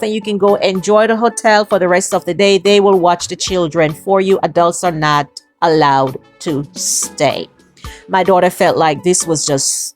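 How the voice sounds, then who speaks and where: A middle-aged woman from Jamaica with a Jamaican accent, chatting to viewers in a casual travel vlog. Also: on the low side. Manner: chatty, addresses viewers as guys. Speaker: travel vlogger.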